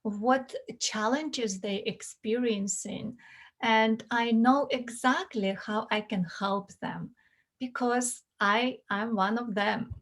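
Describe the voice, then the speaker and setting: Woman, middle-aged, Russian accent, higher-pitched voice, slow and earnest delivery as a guest being interviewed. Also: fairly even intonation, a bit bright. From former USSR. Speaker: interview guest, finance mentor. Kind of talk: conversational interview.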